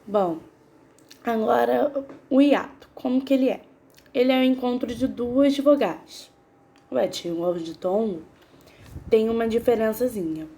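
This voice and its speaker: Speaking a little high with a warm tone, this teacher patiently sounds out syllables one by one during a grammar lesson. Her students get questions from her along the way.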